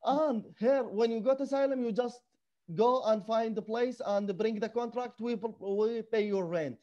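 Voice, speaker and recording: Male guest, activist; high, warm voice; emphatic, English; slightly muffled recording. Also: measured pace. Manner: earnest and emphatic, non-native English with broken grammar. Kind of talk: conversational interview.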